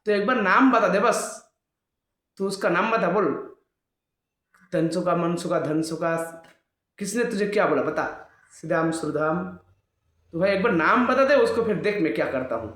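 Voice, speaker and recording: A man's voice: sits high, normal speed, long pauses, fairly bright tone. A man voicing a fussing mother who coaxes and reassures her little son in a protective tone. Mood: coaxing, worried. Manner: coaxing and protective. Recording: echoey room.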